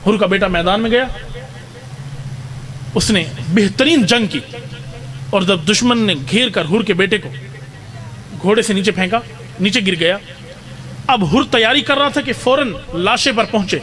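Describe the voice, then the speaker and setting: A man's voice: sits high, pauses often, a bit bright. A man preaching a mourning sermon at a religious gathering, telling the story with emotive, rising cries in the quoted speech. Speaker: Shia preacher. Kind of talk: Muharram majlis sermon, dramatic storytelling. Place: mosque hall during a religious gathering.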